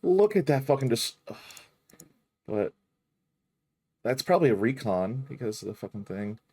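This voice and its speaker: A man hosting a gaming reaction video, a mid-pitched voice that jumps up when something excites him. He swears freely and talks over the clip he is watching. The delivery stays casual and loose. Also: moderate pace, breathy edge.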